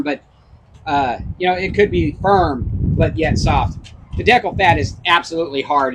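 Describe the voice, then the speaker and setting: A man's voice: on the high side, noisy background. Enthusiastic man hosting a barbecue demo. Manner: enthusiastic, explains step by step. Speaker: barbecue show co-host. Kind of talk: casual cooking demonstration.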